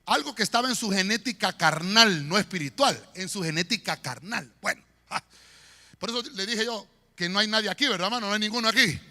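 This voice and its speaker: A pastor preaching a sermon in a church, swinging between shouts and quiet murmurs. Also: male voice, high-pitched, a little fast. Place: church sanctuary. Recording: long church hall reverb.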